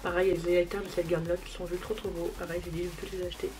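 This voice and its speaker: A woman's voice: fairly low pitch, flat delivery, racing, music in the background, rough recording. Chatty young woman doing a makeup vlog. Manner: chatty, self-deprecating, talks while applying makeup. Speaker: beauty vlogger. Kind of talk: casual makeup tutorial chat.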